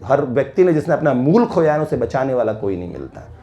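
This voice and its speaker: A man's voice: medium pitch, very animated, quick pace, mellow. A man preaching a devotional sermon, telling a story earnestly and exhorting his listeners. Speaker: satsang preacher. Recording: echoey room.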